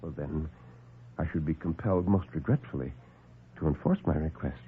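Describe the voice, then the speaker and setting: Man voicing a softly sinister, courteous doctor, low-pitched. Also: breathy edge, heavily acted. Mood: icily polite. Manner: formal, measured, softly condescending. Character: calm, superior male doctor, sinister and coldly courteous captor. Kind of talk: classic radio horror storytelling. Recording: muffled old radio broadcast recording.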